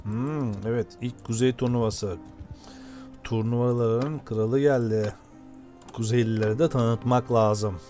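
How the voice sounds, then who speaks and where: A man talking through a video game session in casual commentary. He gets excitable and shouts at the game during tense moments. Faint game music plays behind him. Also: mid-range voice, slow pace. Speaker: gameplay commentator.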